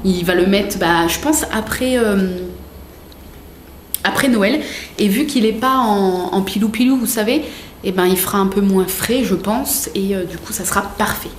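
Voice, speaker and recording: A young woman chatting in a casual unboxing vlog, gushing over each item with plenty of fillers. Her voice sits at an ordinary pitch and carries a roomy echo from the room around her. A faint hum of ambience stays under her talk. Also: measured pace. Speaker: vlogger.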